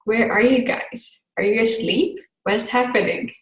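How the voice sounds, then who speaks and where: Facilitating a live online class, a native Finnish speaker chats casually, laughing easily and wandering into asides. Her voice is on the high side with fairly even intonation and a measured pace, and the video call mic captures an echoey room in low quality.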